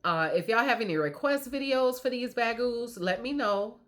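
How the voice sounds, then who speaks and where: A woman's voice: a little high, normal speed. An older woman, a grandmother, talking to her viewers in a chatty, rambling vlog. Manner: chatty, rambling, animated when quoting others. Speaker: vlogger. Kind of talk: casual chat.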